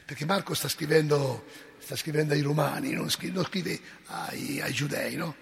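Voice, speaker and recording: A man's voice: a little high, moderate pace, gravelly, big-room sound. A male preacher telling a gospel story to his congregation, acting out the voices and asking them questions. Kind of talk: sermon. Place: church.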